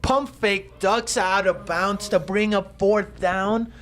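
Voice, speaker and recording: A man doing excitable, rambling color commentation on a football game. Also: high-pitched, slow. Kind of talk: live sports commentary.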